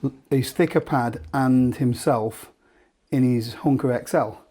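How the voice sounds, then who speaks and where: A man's voice: medium pitch, unhurried, warm tone, husky. Chatty man talking camping gear. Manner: chatty, jokey, thinks aloud with restarts. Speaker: host. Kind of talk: casual gear chat.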